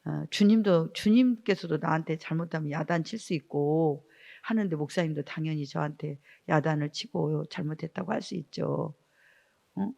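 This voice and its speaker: A woman pastor shares her testimony from the pulpit, her voice gravelly with frequent fry. She tells the story earnestly and keeps asking the congregation quick rhetorical questions. The church recording sounds dull and lo-fi. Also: low-pitched, warm tone. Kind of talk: testimony sermon. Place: church sanctuary.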